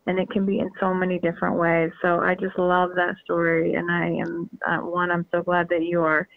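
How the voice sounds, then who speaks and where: A woman's voice: fairly low pitch, monotone, normal speed, creaky, no echo. Chatty woman on a tinny phone line. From Northeastern US. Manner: enthusiastic, chatty, lots of fillers. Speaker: guest. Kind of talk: radio call-in conversation.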